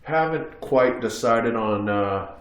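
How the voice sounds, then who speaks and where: A man with a stuffed-up cold, casually showing off his collection in a home vlog, talking in a relaxed way with lots of ums and uhs. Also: mid-range voice, takes it slowly. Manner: relaxed, hesitant, many fillers. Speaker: mask collector. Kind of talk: casual show-and-tell vlog. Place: small bathroom at home. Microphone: phone camera. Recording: echoey small room.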